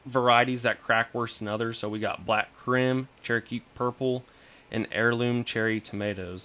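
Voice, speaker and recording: A man's voice: medium pitch, sharp tone. A young man, an extension guest reading garden advice earnestly, stumbling over words and starting sentences with "so". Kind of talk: reading an informational segment.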